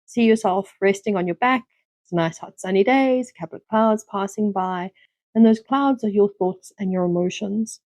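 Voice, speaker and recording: A woman hosting a self-development talk, explaining mindfulness ideas in a gentle, conversational way with fillers and restarts. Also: mid-range voice, no room sound. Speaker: self-development podcast host. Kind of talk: reflective teaching monologue.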